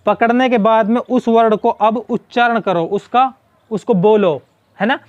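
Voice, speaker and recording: A man with a high voice teaches a grammar lesson. He keeps asking his class a question and then answers it himself, repeating each key word. The sound is dry and close, with no room around it. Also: fairly even intonation, a little slow, no room sound, highs cut off. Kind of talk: explaining English grammar in Hindi.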